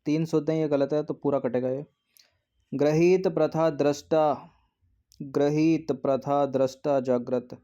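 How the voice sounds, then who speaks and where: A man walks through a practice test, repeating each word as he checks the answer. His voice sits a little high and sounds mellow and relaxed. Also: a little slow, lo-fi sound. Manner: explanatory, repeats words while checking answers. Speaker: exam prep teacher. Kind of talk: exam test walkthrough.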